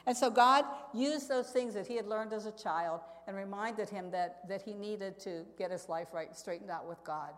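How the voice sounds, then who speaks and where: At a medium pitch and moderate pace, with few pauses, a woman delivers a church testimony talk as a missionary speaker, earnest and conversational, sharing stories and asking her audience questions. The sound carries the long reverb of an echoey hall.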